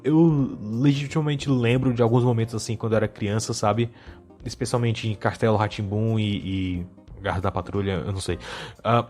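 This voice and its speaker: A man with a Brazilian accent and a mid-range voice delivers casual video-essay commentary over soft background music. He drifts into wry, joking asides.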